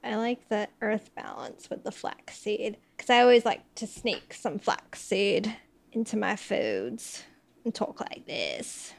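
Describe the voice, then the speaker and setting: A young woman who hosts a podcast narrates a casual cooking vlog, rambling and self-deprecating as she talks about editing. Her mid-range, gravelly voice swings widely in pitch and runs a little slow.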